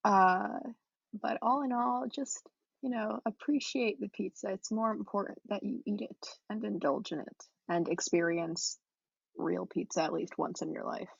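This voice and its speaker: A woman's voice: mid-range voice, moderate pace, vocal fry, husky, no room sound, muffled recording. A woman co-hosting a podcast in casual chat, teasing her partner with dry quips. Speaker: podcast co-host.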